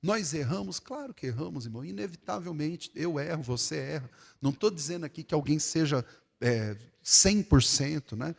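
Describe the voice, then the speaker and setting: Man, pastor, São Paulo accent, middle-aged, conversational sermon, fairly high voice, reverberant church hall. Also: animated, moderate pace, gravelly. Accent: Brazilian Portuguese, São Paulo. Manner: conversational preaching with sudden loud exclamations.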